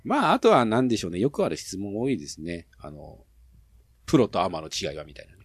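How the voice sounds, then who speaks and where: A man's voice: low-pitched, big pitch swings, quick pace, slightly rough, dry recording, studio quality. A middle-aged Japanese man hosting a casual radio chat, explaining at length in a rambling way with frequent chuckles. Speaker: radio show host.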